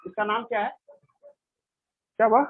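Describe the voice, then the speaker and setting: A man's voice: high voice, flat delivery, normal speed, breathy edge, dry recording. A male biology teacher giving a classroom lecture, explaining step by step and answering his own questions. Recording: dry, tinny phone-like sound.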